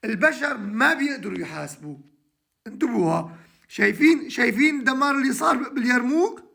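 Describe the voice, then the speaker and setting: Syrian guy ranting live from his house, really gravelly voice, keeps stalling and restarting. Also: very high voice, expressive, bright, forceful tone. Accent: Syrian Arabic. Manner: halting, with many restarts and trailing words. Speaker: livestream host addressing followers. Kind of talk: emotional live monologue. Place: home.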